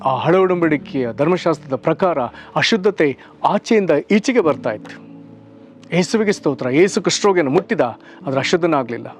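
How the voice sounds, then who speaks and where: A man preaching a short devotional sermon, earnest, slowing and stretching phrases for emphasis. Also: a little high, animated. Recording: soft music underneath.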